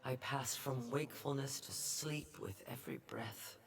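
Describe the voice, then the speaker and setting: A proud, stately ghost navigator. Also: female voice, extremely low pitch, wildly swooping pitch, measured pace, gravelly, exaggerated voice. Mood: somber. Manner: stately, formal, aggrieved.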